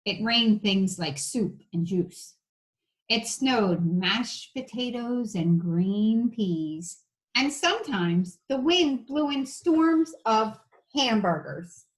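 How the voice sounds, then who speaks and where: A woman's voice: a little high, animated, slow pace, low-quality recording. A woman reading a children's storybook aloud like an elementary teacher, with casual asides to the listeners.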